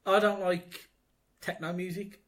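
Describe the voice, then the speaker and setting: A man's voice: sits high, flat delivery, measured pace, a bit bright. A man co-hosting a podcast, cocky and argumentative in sweary banter. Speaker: podcast co-host. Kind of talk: crude casual banter.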